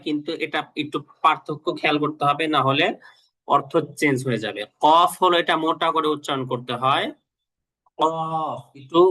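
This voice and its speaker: A man teaching an online Quran reading class, patiently repeating letter sounds slowly for his students. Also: fairly high pitch, pushed and bright.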